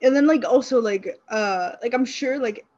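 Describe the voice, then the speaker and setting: A woman's voice: a little high, moderate pace, a little mellow. A woman chatting casually as a podcast co-host, rambling and giggling, with lots of fillers. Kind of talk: casual chat. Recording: dull lo-fi sound.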